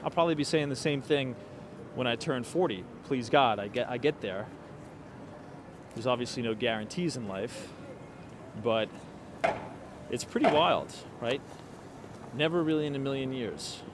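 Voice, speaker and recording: A man in his late twenties walks cold city streets at night, talking casually to his livestream viewers. His mid-range voice moves at a moderate pace with frequent pauses and fillers as he thinks aloud, and street noise sits behind him.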